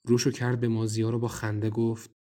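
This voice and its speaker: A man's voice: medium pitch, completely flat delivery, dark tone. A man narrating a horror audio drama in the first person and speaking his own character's lines in a tense, wary way. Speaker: narrator and writer.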